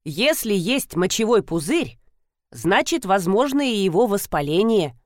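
Woman voicing a fussy, excitable older mother-in-law. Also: measured pace, no room sound, studio quality. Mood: bustling. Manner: bustling, excitable, rising to high squeals.

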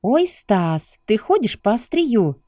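An indignant young woman snaps and lectures in a high, raised voice, as a male reader puts her on. Her tone is sharp and scolding, set close and dry in an audiobook reading with a darker, mellow grain underneath. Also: sing-song, slow pace, dry recording, heavily acted. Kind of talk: audiobook character voice.

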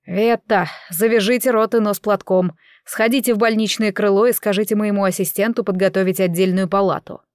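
Женщина играет неторопливого седого доктора. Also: female voice, mid-range voice, steady tone, smooth, no echo, clean studio sound, close to an everyday voice. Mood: businesslike. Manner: measured, matter-of-fact clinical instructions. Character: grey-haired older male doctor, methodical and calm.

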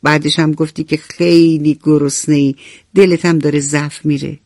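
A woman voicing a patient, gently firm mother in a bedtime storybook, coaxing and explaining. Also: deep voice, flat delivery, no echo, studio quality, lightly acted. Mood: surprised. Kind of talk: storybook narration.

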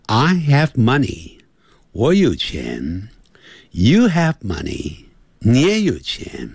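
A man teaching English on the radio, explaining grammar and drilling pronunciation with slow, repeated words in a playful, lively manner. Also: medium pitch, gravelly, breathy edge, no room sound, clean studio sound.

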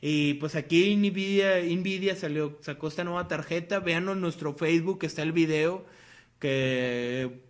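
Slangy Mexican podcast host. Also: male voice, fairly high pitch, measured pace. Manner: loose, rambling, with slang and swearing. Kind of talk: casual podcast chat.

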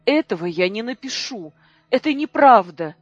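A reader voicing a furious young boy who defies his mother, with a shouting, indignant voice that breaks. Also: mid-range voice, very animated, measured pace, dull audio, soft background music, pitched above the performer's own voice. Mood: defiant.

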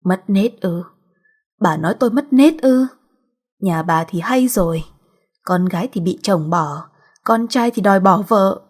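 A woman's voice: medium pitch, a little slow, long pauses, darkish tone, husky. A woman voicing a drunk, scornful young wife who sneers and growls at her mother-in-law. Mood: sneering.

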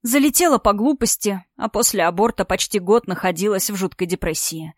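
A woman's voice: medium pitch, expressive, fairly quick, no room sound, clean studio sound, lightly acted. A woman voicing a tearful, distraught young woman who sobs and pleads with a trembling voice in an audiobook story. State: crying. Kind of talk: audiobook character voice.

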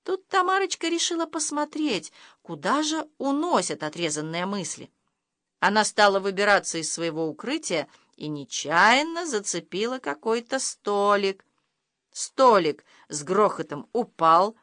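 Animated woman reading a children's book. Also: mid-range voice, measured pace, no room sound, clean studio sound. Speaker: audiobook reader. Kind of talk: scripted storybook narration.

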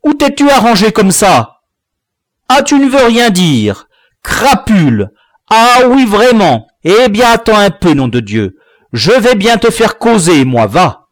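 A man voicing a gruff, furious rural father who swears and shouts at his son. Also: fairly high pitch, sing-song, takes it slowly, no room sound, clean studio sound, pitched above the performer's own voice, exaggerated voice. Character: angry rural French father, gruff, scolding.

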